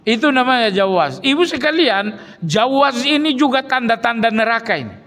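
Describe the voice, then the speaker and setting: Man, preacher, sermon, very high voice, long hall reverb. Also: lively intonation, normal speed, fairly bright tone. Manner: explains terms, asks the audience questions. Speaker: Islamic preacher.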